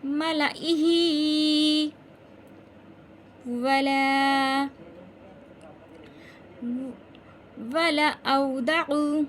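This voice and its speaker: A woman with a high voice teaches a Quran reading lesson. She explains briskly, then slows right down to recite each word drawn out. A faint hiss of background noise sits under the recording. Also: a little mellow.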